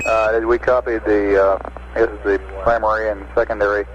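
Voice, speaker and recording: Guy on a faint crackly radio link, muffled lo-fi, hissy, halting with lots of uh's. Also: on the low side, little pitch movement. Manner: clipped, halting, many "uh" pauses. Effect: weak, crackly radio transmission. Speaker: mission control radio operator. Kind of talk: radio procedure talk. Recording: dull, hissy archival radio line.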